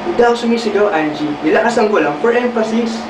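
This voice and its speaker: A woman putting on a low male voice to play an exasperated young husband in a comedic fan redub. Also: fairly even intonation, a little slow, echoey room, far from the mic, noisy background.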